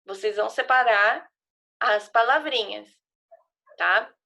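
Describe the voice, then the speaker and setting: In a remote lesson, a Brazilian Portuguese-accented woman who teaches primary school walks young children patiently through a worksheet, breaking words into syllables. She sounds a little high, pushed and bright, with some creak, and keeps a slow pace.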